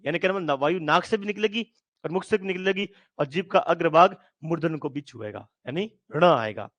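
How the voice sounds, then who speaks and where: A male teacher giving a phonetics lesson, asking questions and answering them himself, repeating sounds slowly. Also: a little high, a bit bright. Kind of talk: Hindi grammar lesson.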